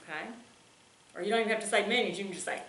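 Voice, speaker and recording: A woman's voice: medium pitch, very fast, fairly bright tone. A woman, a homeschooling mother, patiently asking her son grammar questions. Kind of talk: teaching her child grammar. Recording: echoey room.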